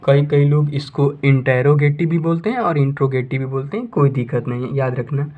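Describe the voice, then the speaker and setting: A man's voice: mid-range voice, fairly even intonation. A man whose first language is Hindi, teaching beginner English grammar and repeating points, asking questions and then answering them himself. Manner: repetitive, asks and answers his own questions; slows down to dictate English sentences. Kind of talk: classroom-style lesson for beginners. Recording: tinny phone-like audio.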